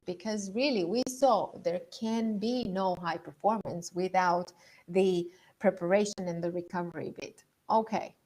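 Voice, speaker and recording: A middle-aged Romanian leadership coach gives an online masterclass over a video call, talking through her slides conversationally and thinking aloud with fillers. Her voice is lowish and darkish, and the recording quality is low.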